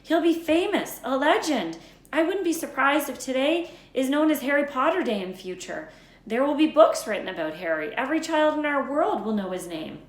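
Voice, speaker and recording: A woman's voice: sits high, animated, normal speed, voice pushed up. Woman acting emphatic Professor McGonagall in echoey room. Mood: outraged. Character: anxious, exasperated older witch professor, stern and incredulous.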